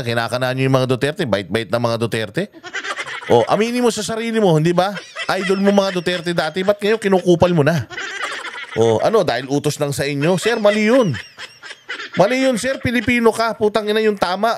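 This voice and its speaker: A man's voice: on the high side, noisy background. Mocking, profane Filipino ranting man. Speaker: political commentary vlogger. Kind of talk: reactive rant commentary.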